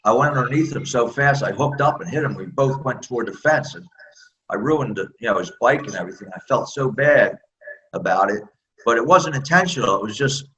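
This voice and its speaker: A man's voice: mid-range voice, animated, fairly quick, fairly bright tone, muffled recording. A man in his sixties with an American accent, a former speedway rider telling candid, self-deprecating stories in a casual interview.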